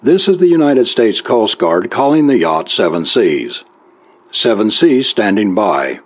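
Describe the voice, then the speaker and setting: A man's voice: on the low side, sing-song, measured pace. A man voicing a stern, bureaucratic male coast guard radio operator. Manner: stern, clipped radio protocol. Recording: dull lo-fi recording.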